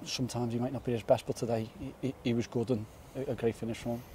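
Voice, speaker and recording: A young man in his twenties, a footballer giving a post-match interview outdoors on a floodlit pitch at night, earnest and repeating words as he thinks. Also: flat delivery, fast, warm tone, slight background noise. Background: faint outdoor stadium ambience.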